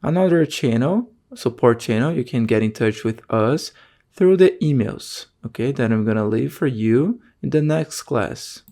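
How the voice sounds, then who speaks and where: Speaking in an animated yet unhurried way, a man with a mellow, mid-range voice leads an online class. He's a Portuguese native speaker whose English has non-native phrasing and plenty of fillers, and he keeps checking in with "okay?".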